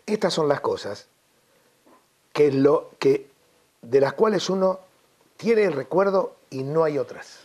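Husky Rioplatense man telling old radio stories. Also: on the high side, lively intonation, a little slow, pauses often, darkish tone. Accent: Rioplatense Spanish. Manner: storytelling, reminiscing, slips into old-radio announcer voices. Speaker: radio host guest. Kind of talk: casual interview chat.

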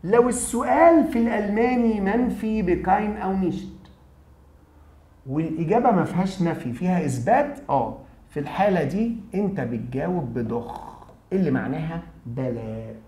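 A man's voice: high-pitched, a little fast, roomy sound. A man with an Egyptian Arabic accent, a German teacher giving a lecture, asking questions and answering them himself. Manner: lively, asks and answers his own questions. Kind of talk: classroom lecture.

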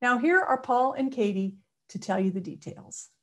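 A middle-aged woman giving a scripted, measured promotional address as a society representative. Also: fairly high pitch, lively intonation. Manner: measured, formal delivery. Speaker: society representative introducing a symposium. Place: indoors, before a virtual backdrop. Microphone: head-and-shoulders webcam framing.

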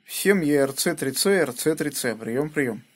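Animated and a little slow, a man with a fairly high-pitched voice chats casually on the air as an amateur radio operator, using call signs. There's a little hiss or hum, since it was recorded on a phone held near the radio in a small room at his home station.

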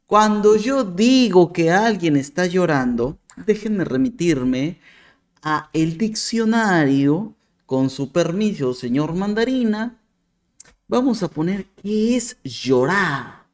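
A man delivers argumentative commentary straight to camera. He speaks slowly and with a sarcastic, mocking bite. His pitch rises and falls expressively as he presses his point. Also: lively intonation. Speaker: video commentator.

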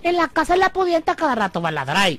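A young Salvadoran woman runs a comic radio monologue with a teasing, sassy bite. Her voice is bright and very lively, and it bounces up and down as she mocks and sweet-talks the listener. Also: high-pitched, quick pace. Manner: sassy, teasing, calls listener amor and bebé. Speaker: radio comedy host.

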